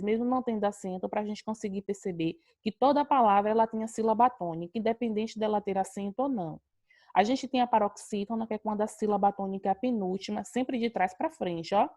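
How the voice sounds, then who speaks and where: A woman's voice: medium pitch, darkish tone, no room sound. A woman teacher, explaining a lesson to students on a video call, talking to them directly. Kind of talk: online class lesson.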